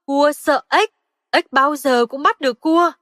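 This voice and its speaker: Woman as a firm, slow-speaking mother frog. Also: high voice, fairly bright tone, dry recording, studio quality, big-room sound.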